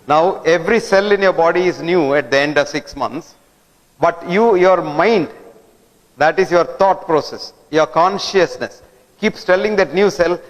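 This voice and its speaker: A man giving a didactic lecture, often throwing rhetorical questions at the audience. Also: a little high. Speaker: guest lecturer. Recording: long hall reverb.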